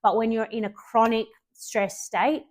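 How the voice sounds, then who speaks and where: A woman's voice: a little high, little pitch movement, unhurried. A woman fitness coach giving a casual spoken tutorial to her clients, chatty and loose, with frequent ums and self-corrections.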